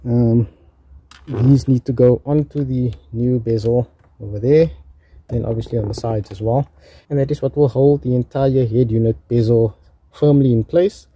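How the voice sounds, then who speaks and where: A man with a South African accent walks through a casual DIY installation tutorial, speaking informally and referring to his audience as "guys." His mid-range voice is steady and dark in tone at a moderate pace, with slight background noise.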